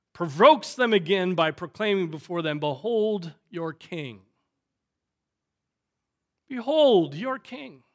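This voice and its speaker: A male pastor with a Southern American accent, preaching a sermon with dramatic swings in loudness. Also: on the high side. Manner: dramatic, voices the crowd's shouts loudly.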